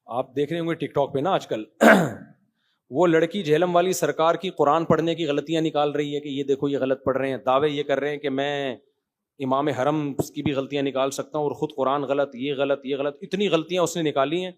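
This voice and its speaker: A man giving an informal religious talk, animated, often checking that listeners follow. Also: a little high. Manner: animated, rising to emphatic loud stretches then dropping quiet; conversational, asks listeners rhetorical checks. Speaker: Islamic cleric answering questions.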